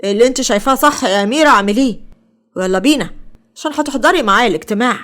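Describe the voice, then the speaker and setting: A woman's voice: fairly high pitch, very fast, a bit bright, close to an everyday voice. A woman with an Egyptian Arabic accent voicing a firm, caring male boss giving advice. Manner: firm, advising.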